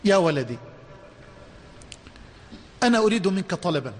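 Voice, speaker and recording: A man with an Egyptian Arabic accent voicing a pious, gentle old man in a sermon story, speaking earnestly. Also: high-pitched, very animated, moderate pace, in a large hall, slight background noise. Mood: gentle pleading.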